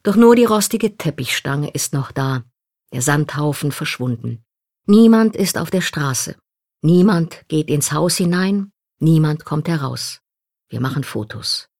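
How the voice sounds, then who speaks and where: A woman reading a first-person memoir aloud in a calm, reflective manner. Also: low voice, a little slow, no room sound, studio quality. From Poland. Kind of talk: scripted literary narration.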